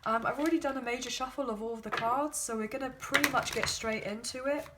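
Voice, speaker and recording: A tarot reader with a sore throat, losing her voice, speaks quickly and steadily in a slightly high pitch against a noisy background. Her casual spoken reading is chatty and rambling, full of hedges and fillers.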